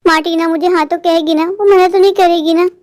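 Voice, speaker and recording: A lovestruck young male crow, voiced by a woman in a cartoon, eager and a little anxious as he pleads. The voice sits very high. The recording is dry and close. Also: fairly even intonation, a little fast, a little mellow, no echo. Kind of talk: cartoon voice acting.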